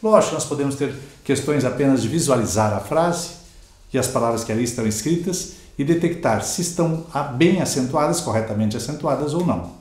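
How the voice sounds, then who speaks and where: A man's voice: mid-range voice, expressive, a little fast, a little mellow, echoey room. A Brazilian man teaching Portuguese grammar in a recorded exam-prep lecture, stressing his example words and checking in with "ok?" and "certo?".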